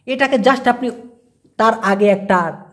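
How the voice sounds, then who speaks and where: A young man giving a casual spoken language lesson, explaining patiently and repeating each word slowly. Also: extremely high pitch, fairly bright tone. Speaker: language teacher.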